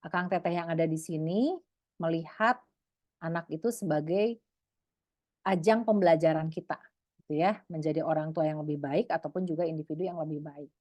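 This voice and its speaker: A woman giving a webinar talk on parenting, lively and acting out parents and children in high voices. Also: normal speed, no echo. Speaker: psychologist speaker.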